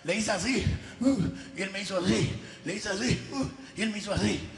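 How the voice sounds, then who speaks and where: A man's voice: high-pitched, fairly quick, creaky, reverberant, voice pushed up. A man playing a frightened young male visitor who protests that he did nothing. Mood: protesting. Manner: pleading, protesting his innocence.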